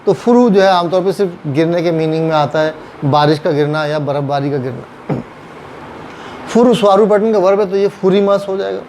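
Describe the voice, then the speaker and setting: A man's voice: high voice, fairly even intonation, normal speed, darkish tone, a little hiss or hum. A man with a Pakistani Urdu accent teaches a Japanese grammar lesson patiently, repeating each phrase and acting out example sentences. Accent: Urdu-speaking Pakistani. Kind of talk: classroom lesson explaining grammar.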